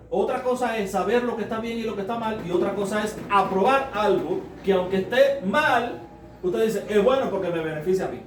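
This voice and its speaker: High-voiced Spanish preacher in a roomy hall. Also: male voice. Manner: explains step by step, asks rhetorical questions. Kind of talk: sermon, Bible study teaching. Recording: roomy, distant mic, faint noise.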